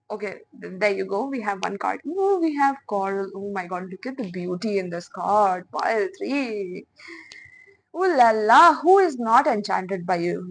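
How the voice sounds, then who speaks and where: A woman's voice: medium pitch, slight background noise, low-quality recording. A woman doing a pick-a-card tarot reading, talking in a chatty, playful way with many fillers and speaking to her viewers as piles. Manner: chatty, playful, with frequent fillers and soft laughs. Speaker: tarot reader.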